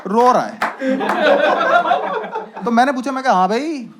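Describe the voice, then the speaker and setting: Young male comic, acting out friends and elders, working a stage over loud crowd laughter. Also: big pitch swings, measured pace, heavy background noise. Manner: switches into voices of friends and uncle, dropping low for punchlines. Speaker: stand-up comedian. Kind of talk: stand-up routine, acting out dialogue. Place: comedy stage with live audience.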